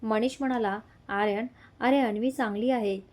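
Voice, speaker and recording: A woman's voice: on the high side, steady tone, moderate pace, darkish tone. A woman narrating a romantic family story, reading each character's lines in her own voice with little change.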